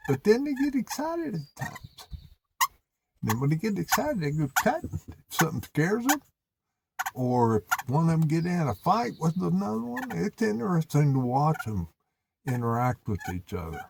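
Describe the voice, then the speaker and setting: A man with an Appalachian accent telling hunting stories casually, in a folksy, drawn-out country way. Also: a little high, very animated, gravelly, background noise. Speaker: turkey hunter presenting his own video. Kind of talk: casual storytelling.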